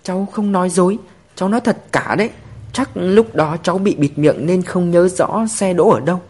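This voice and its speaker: A man voicing a stubborn, tearful little girl in a storybook reading, in a high childish pleading voice. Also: moderate pace, a little mellow. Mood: defiant.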